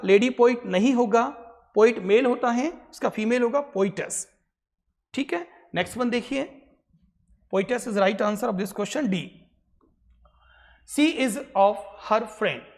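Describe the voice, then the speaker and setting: A man's voice: very high voice, big-room sound. A male English grammar teacher gives a classroom lecture in Hindi mixed with English. He keeps repeating answers and checking in with short tag questions. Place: coaching classroom.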